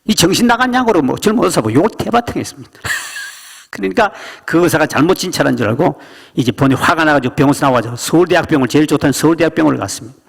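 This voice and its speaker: A man's voice: fairly high pitch, expressive, very fast, gravelly, slightly rough. A male pastor preaching a sermon with emphatic storytelling, in a church sanctuary. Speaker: senior pastor. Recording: long reverb of church sanctuary.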